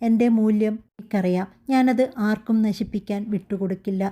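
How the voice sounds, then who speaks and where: A woman voicing a hurt young wife who grows firm, speaking in a quiet, steady way. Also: medium pitch, fairly quick, close to an everyday voice. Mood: resolute. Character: young wife, hurt but growing resolute.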